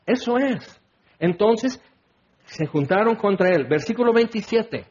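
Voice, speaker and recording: Predicador masculino de voz aguda, enérgico, que imita voces en su sermón; sonido apagado. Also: male voice, sits high, measured pace, muffled recording. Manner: animated, acts out quoted voices, shouts exclamations. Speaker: preacher. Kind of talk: sermon.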